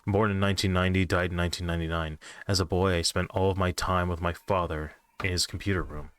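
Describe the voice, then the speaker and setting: A man reading a creepypasta as the quiet ghost of a boy, speaking softly and apologetically. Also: sits low, quick pace, clear, resonant tone, dry recording. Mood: eerie. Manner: soft, apologetic, creepy calm.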